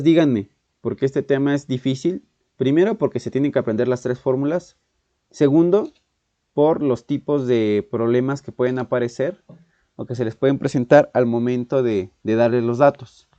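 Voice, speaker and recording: A man with a Mexican accent teaching a physics exam-prep lesson, thinking aloud with halting restarts, frequent "ok?" and clearing his throat. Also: mid-range voice, dark tone, dry recording. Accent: Mexican Spanish. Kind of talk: exam-prep lesson working through problems. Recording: muffled, dull sound in a dry room.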